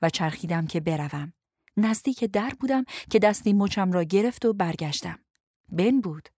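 Measured woman narrating a novel. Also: lowish voice, lively intonation, darkish tone, dry recording, clean studio sound. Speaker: audiobook narrator. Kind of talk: first-person novel narration.

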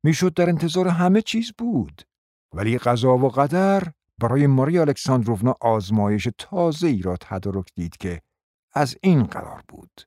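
A man narrating a novel as an audiobook, in an expressive, dramatic reading. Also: mid-range voice, no echo, clean studio sound.

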